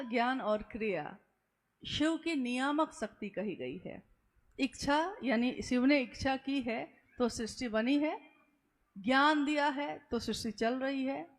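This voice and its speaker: A woman giving an earnest devotional discourse, repeating words for emphasis and taking questions from listeners. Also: a little high. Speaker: spiritual speaker.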